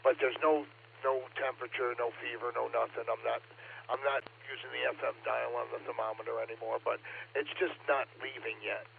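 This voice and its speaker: A man's voice: mid-range voice, level tone, a little fast, creaky. A man who is sick, his voice not fully back, chatting casually and ramblingly on an amateur radio check-in. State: sick with covid. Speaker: ham radio net participant. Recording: tinny phone-like radio, hum and hiss.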